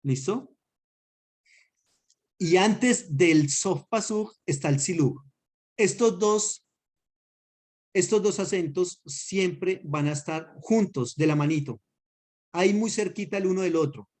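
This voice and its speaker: Patient pastor teaching a class. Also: male voice, high voice, darkish tone. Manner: patient, explains slowly with spoken examples and checks understanding. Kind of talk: teaching a class on Hebrew accents.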